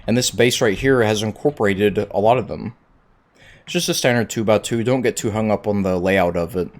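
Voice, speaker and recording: A man's voice: lowish voice, fairly quick. A man giving a casual, conversational video game tutorial, stressing his points with repetition. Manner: conversational, emphatic with repeated points. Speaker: gaming tutorial creator.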